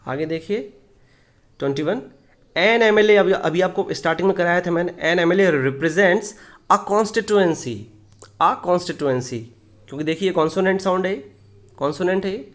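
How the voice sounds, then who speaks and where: High-voiced man teaching grammar. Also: fairly bright tone. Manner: explains step by step, asks questions and answers them; reads English example sentences slowly and deliberately. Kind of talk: Hindi classroom lesson on English articles.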